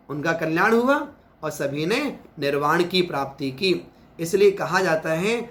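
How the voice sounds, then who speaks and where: A man giving a devotional sermon as a pandit, speaking in a slow, measured, preacherly way with stressed pauses. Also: on the high side, fairly bright tone. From India. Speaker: pandit giving a religious discourse.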